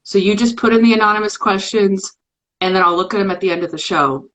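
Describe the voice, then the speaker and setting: A woman's voice: mid-range voice, fast talker, a bit bright, poor audio. Casual woman host of a live-stream show, playful and chatty, on a phone or webcam mic. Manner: chatty and playful, reading a fill-in word game aloud.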